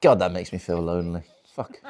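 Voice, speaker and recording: With a deep, mellow voice and a slightly fast delivery, a twenty-something comedian does crowd work in a virtual-reality stand-up show. He's crude and teasing, laughing often.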